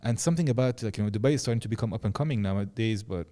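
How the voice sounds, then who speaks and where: Give me a man from Jordan hosting a casual podcast, quick and rambling, with a deep, warm voice. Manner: rambling, restarts sentences, says "like" often. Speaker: podcast host. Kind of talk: casual conversation.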